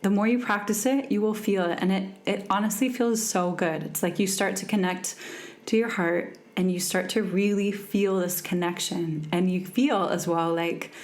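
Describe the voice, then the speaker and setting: A woman's voice: mid-range voice, steady tone, moderate pace, a little mellow. A young adult woman hosting a podcast, talking earnestly and reflectively about emotions in a casual way, often checking in with "right?". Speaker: podcast host. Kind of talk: casual self-help talk.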